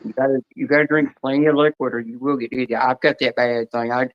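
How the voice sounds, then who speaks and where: A man's voice: medium pitch, little pitch movement, quick pace. A man chatting casually on a stream, rambling through long stories. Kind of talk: casual chat. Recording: dull lo-fi stream audio.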